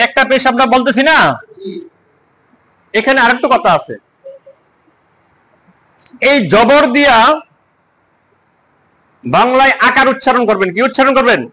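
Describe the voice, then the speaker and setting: A man's voice: very high voice, measured pace, pauses often, bright, forceful tone, low-quality recording. A man teaching Quran letters and vowel marks, drilling students with repeated questions and chanted answers. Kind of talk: call-and-response lesson.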